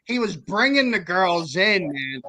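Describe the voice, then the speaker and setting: A man hosting a podcast with a high, bright voice. He sounds chummy and casual as he chats and reads out listener comments. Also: sing-song, a little slow.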